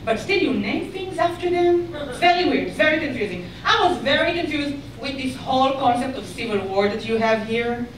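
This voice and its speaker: A woman from Israel with an Israeli accent doing a stand-up comedy set, deadpan and ironic with bursts of mock outrage. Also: sits high, a little fast, few pauses. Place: comedy club stage. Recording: echoey club, mic far away, audience noise. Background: audience laughter.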